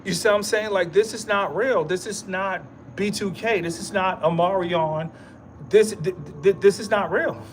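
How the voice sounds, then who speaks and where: A man's voice: high-pitched, normal speed, a little hiss or hum. A man giving a rambling motivational monologue in streetwise slang, repeating himself often and laughing into his words. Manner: repetitive, emphatic, streetwise slang. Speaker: vlogger.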